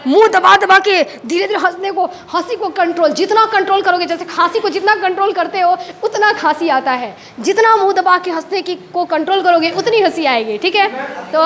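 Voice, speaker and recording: High-voiced woman teaching a class. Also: slight background noise. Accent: Indian. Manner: lively, playful, acts out laughs. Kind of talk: classroom lesson.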